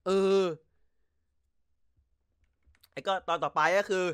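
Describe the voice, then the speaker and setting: A man hosting a casual podcast from home over a voice chat call, recapping episodes in an excitable, slangy way and swearing freely. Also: slow, dry recording, studio quality. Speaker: podcast host. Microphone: computer mic over voice chat.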